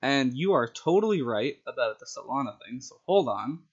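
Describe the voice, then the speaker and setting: Sharing his own short stories on a casual livestream, this man sounds animated, speaking at normal speed in a medium-pitched, slightly rough voice. The audio from his microphone is a bit dull and lo-fi.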